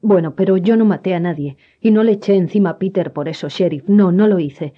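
A reader voicing a nervous, quick-tempered young man who stammers and snaps insults in defense of himself. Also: medium pitch, close to an everyday voice. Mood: nervous, defensive. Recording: dull lo-fi recording.

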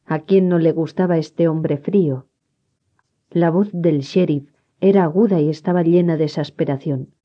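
A narrator reading a first-person story aloud in a measured, even way at a mid-range pitch. The recording is dull and lo-fi, with the top end rolled off.

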